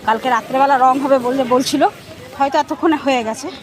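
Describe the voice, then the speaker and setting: A woman's voice: high voice, fairly even intonation, fast talker, crowd noise. A woman vlogger from India chatting casually to her viewers while walking wet streets and visiting a shop. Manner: chatty, addresses viewers as friends. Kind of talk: casual vlog narration.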